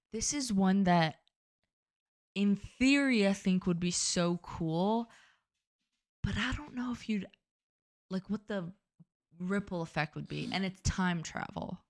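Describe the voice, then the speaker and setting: A woman's voice: on the low side, a bit bright. A young woman co-hosting a podcast in casual chat, talking chattily and self-deprecatingly with lots of "like.". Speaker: podcast co-host.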